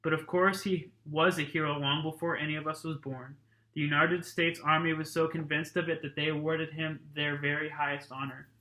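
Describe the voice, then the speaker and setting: A teacher reads a chapter book aloud to his class in a plain, unhurried way. His voice sits a little high and sounds very bright, almost sharp. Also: roomy sound, low-quality recording. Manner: plain, steady reading with a casual tone. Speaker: teacher reading a novel aloud to students. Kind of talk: reading a novel aloud.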